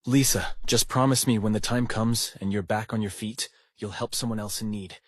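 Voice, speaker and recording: A man's voice: fairly low pitch, fairly even intonation, normal speed, no room sound, natural voice. A man playing a grateful, kind, self-made businessman in a scripted drama, speaking sincerely. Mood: heartfelt. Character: grateful, self-made real estate investor, earnest and kind.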